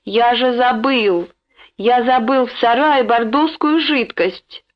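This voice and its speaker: A woman's voice: mid-range voice, slow, lightly acted. A woman voicing a frightened but stubborn young boy who cries out and pleads breathlessly. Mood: distressed. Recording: dull lo-fi recording.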